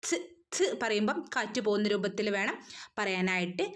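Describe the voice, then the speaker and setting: A woman teaching an online Quran recitation lesson, patiently explaining rules between slow chanted verses. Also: medium pitch, expressive.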